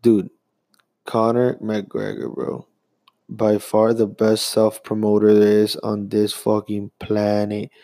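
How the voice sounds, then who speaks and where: A young man rambling through a profane, casual sports rant as a vlogger, jumping between fast bursts and drawn-out phrases. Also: fairly low pitch, level tone, creaky, warm tone, dry recording.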